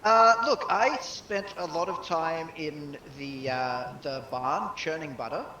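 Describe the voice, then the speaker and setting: A man with a fairly high, bright voice improvises haltingly in a party game. He sounds off mic in a roomy, noisy space. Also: distant mic. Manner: halting, rambling.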